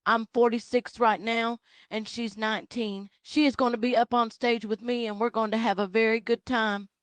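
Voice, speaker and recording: A woman voicing a loud, proud Southern Baptist mother in her forties with a Southern US accent, talking in an earnest, rambling, repetitive way. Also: fairly high pitch, flat delivery, normal speed, dry recording, close to an everyday voice.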